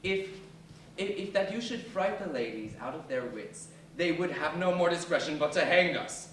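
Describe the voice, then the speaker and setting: A man's voice: fairly high pitch, animated, normal speed, lightly acted. A man playing an eager show-off amateur actor, grandiose and hammy, in a Shakespeare stage comedy. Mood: eager, pompous. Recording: echoey hall, distant mic, faint noise.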